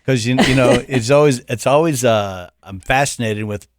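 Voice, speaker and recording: A man's voice: medium pitch, normal speed, dry recording, studio quality. A man hosting a podcast interview, chatty and joking, asking long rambling questions. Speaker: podcast host. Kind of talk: casual interview chat.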